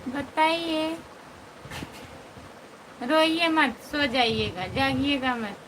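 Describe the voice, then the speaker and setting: A woman with an Awadhi accent hosts a casual live stream on her phone, talking to viewers in a high voice. She speaks at a slow, unhurried pace and teases them playfully, with steady ambient noise behind her. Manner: playful, teasing, answers comments by name. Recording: noisy background ambience.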